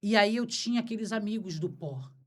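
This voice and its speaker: This Brazilian podcast host moves at a brisk pace in a medium-pitched voice, her Brazilian Portuguese accent clear as she conducts a frank, casual interview.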